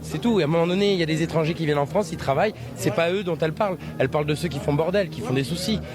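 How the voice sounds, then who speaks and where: A man's voice: fairly high pitch, racing, over music. A man interviewed on a city street, talking in an insistent, emphatic way and repeating himself. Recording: street interview with crowd noise. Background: crowd and passing vehicles.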